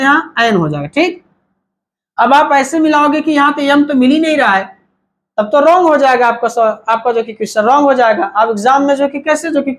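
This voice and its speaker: A man's voice: extremely high pitch, a bit bright. A male teacher giving a whiteboard grammar lesson, asking and answering his own questions and mixing Hindi with English terms.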